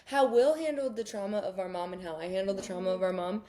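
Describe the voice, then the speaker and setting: A young woman co-hosts a book club chat. She talks loosely and swears freely. She mimics people in quick little voices, and her voice sits at a middle pitch. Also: mellow. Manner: chatty, swears freely, acts out quotes in voices. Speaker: podcast co-host.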